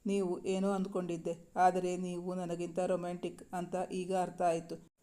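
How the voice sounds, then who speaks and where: Teasing young man, storybook romance, coaxing, mellow, monotone, voiced by the narrator. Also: mid-range voice, moderate pace, close to an everyday voice. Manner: playful, coaxing.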